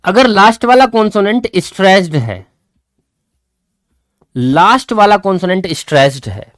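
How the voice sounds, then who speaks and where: A man teaching a live online class in a lively, swooping voice that sits a little high for a man. He hammers each rule home by repeating it and keeps nudging his students along. The sound is dry and close, with no room around it. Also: unhurried, no room sound. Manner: animated, repeats key points, calls students "kids". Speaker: English grammar teacher.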